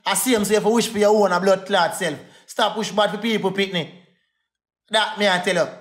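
Speaking in a high voice with fairly even intonation, a man with a Jamaican Patois accent rages on a phone livestream. His fast, heated rant keeps circling through the same insults.

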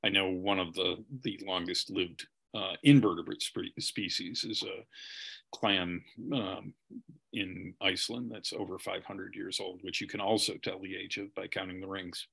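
Middle-aged man, gravelly voice, husky edge, hesitant host, video call. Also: low voice, level tone, moderate pace, bright, forceful tone. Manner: hesitant, many ums. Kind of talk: moderating a video Q&A.

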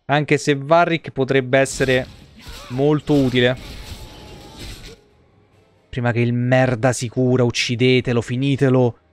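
Unhurried and flat, with long pauses, a medium-pitched man in his thirties streams a video game from his desk in an indoor room. His live commentary is casual chatter full of grumbling and foul language.

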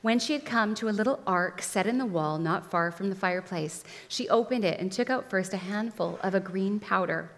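A woman's voice: mid-range voice, moderate pace, hardly any pauses. Woman reading aloud in an echoing hall. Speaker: reader. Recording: long hall reverb.

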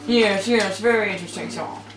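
A man's voice: high-pitched, brisk, a bit bright. A man hosting a let's play, giving playful, joking commentary and teasing the game's characters. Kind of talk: gaming commentary. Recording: echoey room with game music behind.

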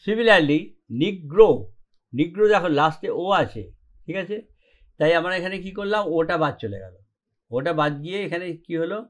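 A man's voice: high-pitched, animated, normal speed. A man teaching an English grammar lesson in Bengali, explaining step by step and often checking whether the students follow. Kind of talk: online classroom lesson.

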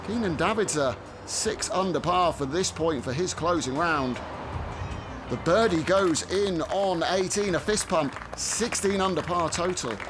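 A man working as a golf commentator, calling highlights of a tournament round. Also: a little slow, over music.

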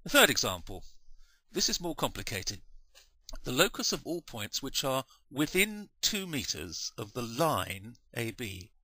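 A man talks through a maths lesson in a patient, measured way, pausing to correct his own slips. His voice is bright and clear. The sound is dry and close, with no room around it. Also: mid-range voice, very animated, no echo. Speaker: maths teacher. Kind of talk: explaining a maths lesson over diagrams.

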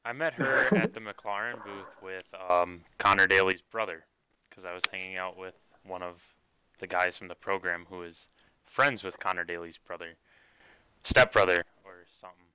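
Deep-voiced low-key young man. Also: fairly even intonation, moderate pace, a crowd in the background. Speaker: podcast co-host. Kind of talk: casual chat.

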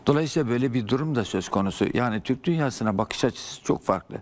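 A man's voice: mid-range voice, animated, fast, slight background noise. An older man, a historian guest in a TV studio, explaining at length with frequent hesitations.

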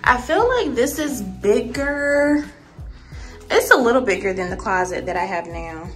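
A woman's voice: fairly high pitch, measured pace, faint music behind. A young woman vlogging casually, chatting straight to her viewers as she shows them around an empty apartment on a handheld phone. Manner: animated, talks straight to viewers with lots of "y'all" and "honey". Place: empty apartment, kitchen and bare rooms. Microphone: phone camera, handheld while walking. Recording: echoey empty room with long reverb.

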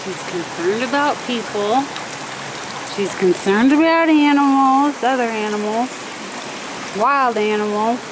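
Woman, fairly high voice, sing-song baby talk to a pet, handheld camera outdoors with rushing stream noise behind. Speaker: vlogger talking to her dog. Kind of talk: casual talk to a pet while hiking. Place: outdoors on a forest trail by a stream.

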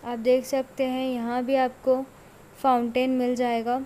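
A woman's voice: high voice, monotone, a little slow, dark tone, slight background noise, rough recording. A young woman vlogger giving a casual walking tour of a large indoor mall, filming on a handheld phone and pointing things out again and again.

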